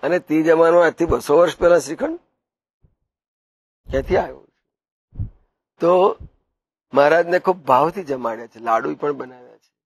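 A man's voice: on the high side, normal speed, long pauses, breathy edge, dry recording. A man giving a devotional sermon, telling stories and asking his listeners questions. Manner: storytelling, asks the listeners questions. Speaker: devotional preacher. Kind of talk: devotional discourse with storytelling.

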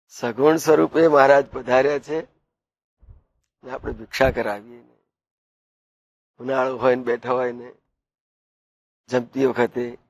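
A male preacher with a gravelly, husky voice gives a devotional discourse. He tells stories and turns to his listeners with questions. The sound is dry and close. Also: medium pitch, no echo. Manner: storytelling, asks the listeners questions.

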